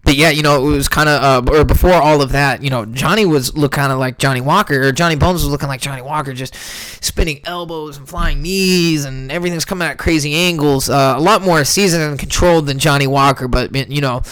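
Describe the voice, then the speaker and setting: A man's voice: on the high side, brisk, fairly bright tone, no room sound, rough recording. A man casually breaking down upcoming fights as a show host, rambling with lots of fillers and self-corrections while fighting off the hiccups. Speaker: MMA podcast host.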